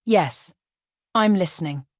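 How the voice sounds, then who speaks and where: A man's voice: high voice, animated, slow pace, no echo. A desperate grown son, pleading and panicking, his voice climbing as it breaks, read by a woman storyteller. The sound is close and dry, with no room around it. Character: desperate adult son losing his inheritance.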